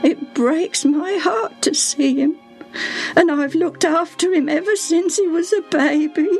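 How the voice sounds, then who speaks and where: A woman voicing a tearful, devoted elderly female servant who speaks high and quavering, close to sobs. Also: slow, darkish tone, soft background music. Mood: grieving.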